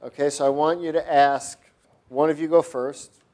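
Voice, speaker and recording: A man leading a classroom workshop, giving quick instructions and prompting students with questions in a conversational way. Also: a little high, fairly even intonation, darkish tone.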